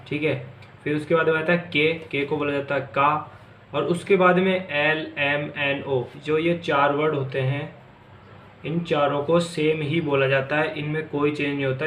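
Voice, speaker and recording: A man teaching a language lesson in a patient, repetitive way, drawing out the words he wants his students to remember. His voice sits a little high for a man. The sound is roomy and echoey, with a faint ambient hum underneath.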